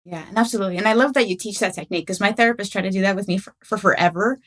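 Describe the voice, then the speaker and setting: A woman's voice: mid-range voice, very fast, fairly bright tone. A woman in her fifties, a podcast host, who talks openly and laughs often while interviewing. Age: 50s. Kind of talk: casual interview talk.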